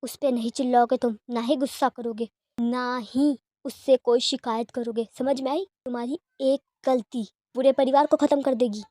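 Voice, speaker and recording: A woman's voice: high voice, fairly even intonation, normal speed, dry recording, clean studio sound, natural voice. A woman voicing a stern, angry father harshly scolding his son in an audio story. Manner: harsh, scolding, shouting questions.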